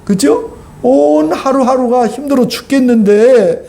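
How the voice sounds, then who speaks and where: A preacher acting out an anguished pleading Job. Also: male voice, extremely high pitch, unhurried, vocal fry, mellow, voice pushed up, heavily acted. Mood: protesting. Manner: plaintive, exclamatory, protesting. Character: anguished biblical sufferer, grown man, pleading with God.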